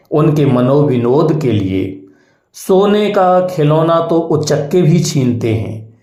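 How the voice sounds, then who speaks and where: Man reading as gentle old-soul beggar saint, slow and pleading, echoey room. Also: mid-range voice. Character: gentle male beggar holy man, kindly.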